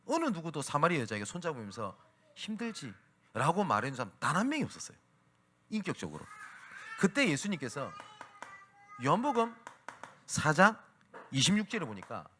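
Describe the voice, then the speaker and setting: A man's voice: on the high side, huge pitch swings, fairly quick, long pauses, fairly bright tone. A male pastor giving a Sunday sermon at a church service, preaching with energy and acting out the lines he quotes.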